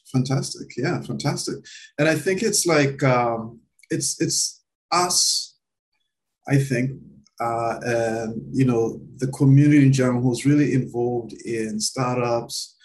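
A man interviewing a guest in casual chat, speaking hesitantly with many pauses and restarts. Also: mid-range voice, low-quality recording.

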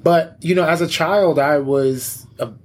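A husky-voiced man, a pastor appearing as an interview guest, shares candid personal testimony. His voice sits a little high and there's slight background noise. He speaks haltingly and conversationally, repeating words and often saying "you know."

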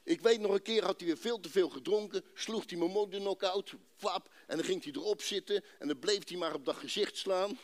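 Man from Rotterdam, high voice, emotional church testimony with drawn-out dramatic pauses. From Netherlands, Rotterdam. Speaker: speaker giving a personal testimony. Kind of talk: emotional faith testimony to a congregation.

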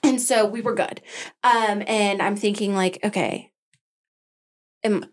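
A talkative woman tells a story in a loose, chatty way. She acts out the lines of each person in it. Her voice sits at a middle pitch for a woman. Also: a little slow. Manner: animated, acts out her own and her husband's lines. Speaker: boutique owner, podcast guest. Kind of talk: casual storytelling chat.

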